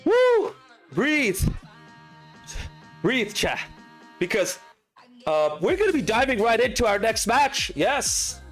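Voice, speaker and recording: A man with a very high voice calls an esports match live, excitable and quick to shout when a play lands. Faint music plays under his voice. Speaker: esports commentator and stream host.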